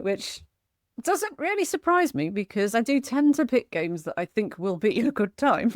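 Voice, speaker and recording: A woman's voice: lowish voice, dry recording, clean studio sound. A woman chatting casually about games she played, self-deprecating and laughing often. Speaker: gaming vlogger and streamer. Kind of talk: casual chat reviewing games.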